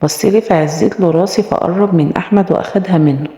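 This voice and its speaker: A woman's voice: fairly low pitch, quick pace, warm tone. Egyptian woman narrating a story, echoey. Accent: Egyptian Arabic. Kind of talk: first-person story narration. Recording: echoey room with long reverb.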